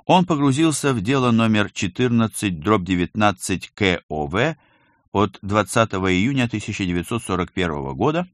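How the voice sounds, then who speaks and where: A man narrates an audiobook in a low voice. His pitch rises and falls with lively expression, and the recording sounds dry and close. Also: normal speed, dry recording. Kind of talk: scripted narration.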